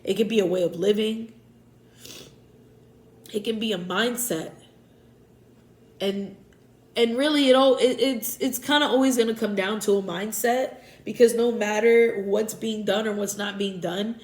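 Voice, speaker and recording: A woman with a stuffy nose giving a relaxed, rambling tarot reading, often correcting herself mid-sentence. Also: medium pitch, measured pace, roomy sound, rough recording. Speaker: tarot reader.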